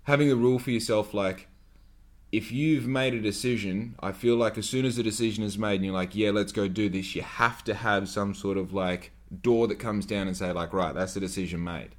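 A man in his late twenties talks alone into his podcast mic, his voice sitting a little low. He rambles through his thoughts with swearing and a steady stream of "like" between phrases. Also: brisk. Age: 20s. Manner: rambling, profane, filler-heavy with frequent "like". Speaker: podcast host. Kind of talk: solo podcast monologue.

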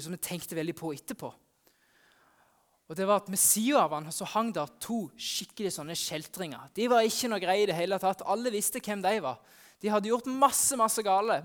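A man, a youth pastor, telling the Easter story in first person at a family church service, lively and exclaiming as he talks to the children. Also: sits high.

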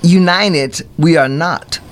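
A man giving political commentary as a radio co-host, deliberate and repeating phrases for emphasis. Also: a little high.

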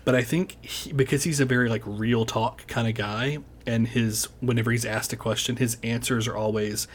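A man in casual podcast chat, talking in animated bursts with frequent restarts and laughs. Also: mid-range voice, moderate pace, slight background noise. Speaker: podcast guest.

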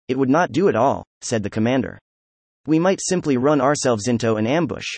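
Guy reading a story out loud, steady and even, mid-pitched, dry close mic. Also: fairly quick, dry recording. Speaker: audiobook narrator. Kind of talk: scripted narration.

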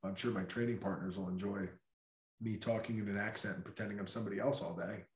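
A man's voice: on the low side, fairly even intonation, quick pace, reverberant. A man hosting a podcast, chatting casually and rambling through jokey stories, laughing often. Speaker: podcast host. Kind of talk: casual chat.

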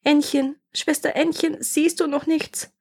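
A terrified young wife pleading for her life and calling anxiously up to her sister, put on by a woman reading a storybook. Her voice is lifted well above the reader's own pitch and comes out tense and urgent. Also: moderate pace.

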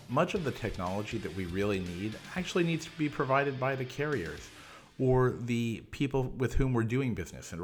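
A man hosting a solo explanatory podcast, talking in a measured, instructive way. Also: on the low side. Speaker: podcast host.

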